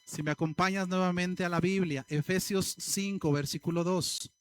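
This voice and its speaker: A man preaching a sermon as pastor, posing rhetorical questions to the congregation and slowing down to stress scripture. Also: high voice, steady tone.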